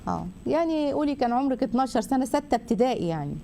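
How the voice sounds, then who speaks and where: An Egyptian woman counsels a caller on a religious advice show. She speaks at a rapid clip in a somewhat high voice. Her manner is affectionate and animated, and she slips into acting out short exchanges. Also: creaky, a little hiss or hum. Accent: Egyptian Arabic.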